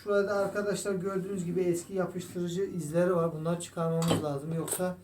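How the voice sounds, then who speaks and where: Man, slightly high-pitched, talks viewers through a repair in a casual workshop tutorial; echoey room, distant mic, noise in the background. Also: little pitch movement, fairly quick. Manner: explains while working, keeps calling viewers "friends". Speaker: guitar repairer.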